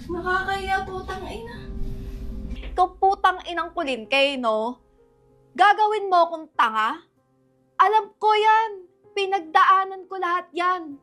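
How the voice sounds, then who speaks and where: A woman in a staged family clip, yelling and cursing, then lecturing sternly. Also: very high voice, expressive, measured pace, long pauses, soft background music. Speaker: vlogger.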